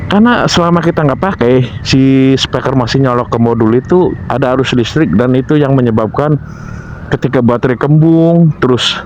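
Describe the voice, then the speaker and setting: An Indonesian motovlogger shares gear care tips in informal, explanatory vlog talk, often repeating himself and searching aloud for words. His voice is medium-pitched and a little mellow at a moderate pace, and the lo-fi recording has a slight hiss or hum.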